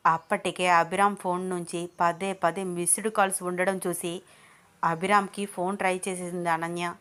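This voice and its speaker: A woman's voice: lowish voice, flat delivery, moderate pace, a bit bright, smooth. A woman storyteller narrating a dramatic love story in an emotive, flowing way.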